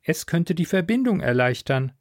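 A man voicing a calm, inquisitive male alien mentor in a measured, questioning way. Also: on the high side, no room sound, clean studio sound, voice pushed up. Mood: probing.

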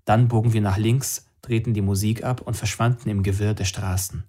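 A man reading a novel aloud in calm, measured scripted narration. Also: lowish voice. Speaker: audiobook narrator.

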